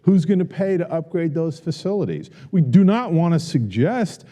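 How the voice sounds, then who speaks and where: A man's voice: fairly high pitch, lively intonation, moderate pace, dark tone. A man, a professor, giving an earnest lecture and answering audience questions in a university auditorium. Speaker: professor giving a symposium talk. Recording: long auditorium reverb.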